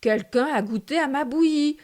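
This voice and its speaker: A woman voicing a big, gruff male father bear in a storybook, loud and growling. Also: sits high, moderate pace, pitched above the performer's own voice, natural voice.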